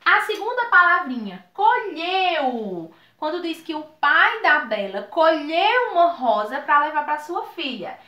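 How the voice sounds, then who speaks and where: Recorded for a children's video lesson, this Brazilian woman speaks in a high voice that sounds roomy, with the upper frequencies cut off. She spells words slowly, stretching them out in an animated, sing-song teacher's style.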